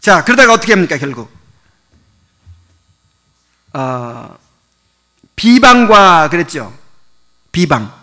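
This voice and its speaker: Lively bright-voiced male pastor preaching. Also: on the high side, slow pace, long pauses. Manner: conversational, explains step by step with rhetorical questions; chuckles often while teaching. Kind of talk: sermon.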